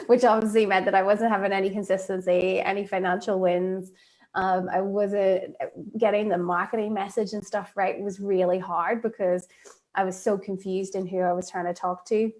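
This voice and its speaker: A woman speaks as a guest over a video call, chatty and loose, laughing often and filling pauses as she thinks aloud. Her voice sits at an ordinary middle pitch. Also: a little mellow. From Northern Ireland. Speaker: guest, life coach. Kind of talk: casual interview chat.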